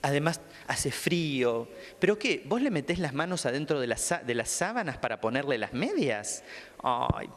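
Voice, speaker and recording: A man's voice: fairly high pitch, normal speed, big-room sound. A man with a Rioplatense Spanish accent, a psychologist giving a training talk and acting out anecdotes as he tells them. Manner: animated storyteller acting out dialogue. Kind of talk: lecture with anecdotes. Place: lecture hall.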